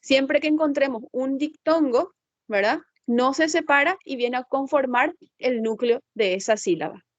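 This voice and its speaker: High-voiced woman teaching a class. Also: unhurried, no echo, highs cut off. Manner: checks understanding with frequent tag questions; thinks aloud while fumbling with slides. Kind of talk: online class explanation.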